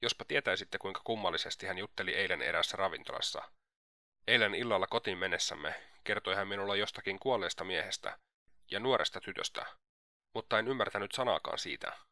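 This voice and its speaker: A man reading a calm, earnest young man. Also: low voice, no echo, clean studio sound. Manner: calm, serious.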